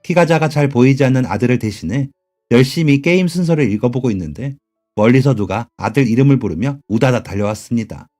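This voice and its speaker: A man calmly reading a listener's first-person story as scripted narration. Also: mid-range voice, quick pace, faint music behind.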